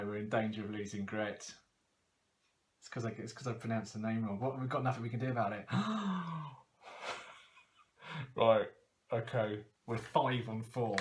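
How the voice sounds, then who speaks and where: A man's voice: medium pitch, a bit bright, a little hiss or hum. A man talking through a card game as he plays, laughing often and talking to himself. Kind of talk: casual game playthrough commentary.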